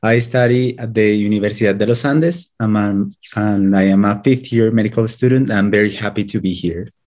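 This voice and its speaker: A man's voice: on the low side, brisk, a little mellow. A man, introducing himself in a friendly way on a webinar panel. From Colombia. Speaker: webinar panelist, medical student. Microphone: video call. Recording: dull video-call audio.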